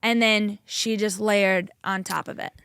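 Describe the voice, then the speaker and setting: A woman's voice: medium pitch, steady tone, measured pace, fairly bright tone, clean tone, no echo. Chatty upbeat woman, dry close sound. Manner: upbeat, chatty, lots of fillers. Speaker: chiropractor and guest. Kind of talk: casual podcast conversation.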